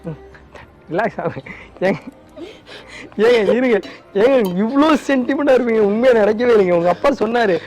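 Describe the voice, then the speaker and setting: High-voiced man pleading over loud music. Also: lively intonation, moderate pace, pauses often. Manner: repetitive, coaxing, pleading, with nervous laughs. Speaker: prank video host. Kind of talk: casual pleading apology.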